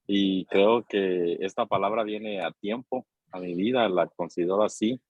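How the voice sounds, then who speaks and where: A man's voice: sits low, unhurried, darkish tone, no echo, highs cut off. A man from Guatemala sharing in a church group over a call while driving, hesitant, with many fillers and restarts. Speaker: church course participant.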